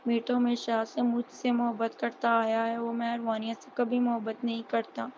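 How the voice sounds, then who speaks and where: A woman reading the lines of a jealous, spiteful young woman in a flat monotone. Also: a little high, lightly acted. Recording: dull lo-fi recording with faint hiss.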